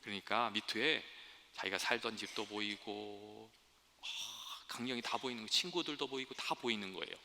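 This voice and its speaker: A man's voice: on the low side, moderate pace, sharp tone, a little hiss or hum. A male pastor giving a sermon in a church, talking earnestly to the congregation and telling a fable along the way. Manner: earnest, storytelling, addresses congregation directly. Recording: long hall reverb.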